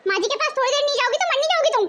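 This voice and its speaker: A woman's voice: lively intonation, racing, pushed and bright, a little hiss or hum, exaggerated voice. A woman acting a haughty young wife who scorns her in-laws, snapping out insults in a home-video family drama. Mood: contemptuous. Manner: sneering and shrill, snapping out insults. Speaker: actor in a family drama skit.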